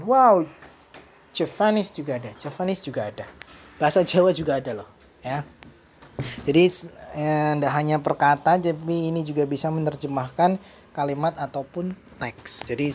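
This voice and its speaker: A teacher with an Indonesian accent walks through a bilingual vocabulary lesson, switching between English and Indonesian and dropping in playful asides. The voice sits at a middle pitch. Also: darkish tone, a little hiss or hum.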